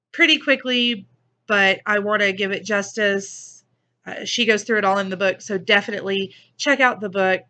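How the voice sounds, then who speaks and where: A woman's voice: medium pitch, sharp tone. A woman giving a casual, gushing book review in an effusive, enthusiastic manner.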